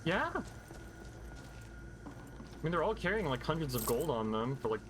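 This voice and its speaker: A man's voice: on the high side, sing-song, normal speed, noisy background. A man giving casual gameplay commentary, muttering offhand reactions to himself. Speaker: game streamer. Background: video game ambience.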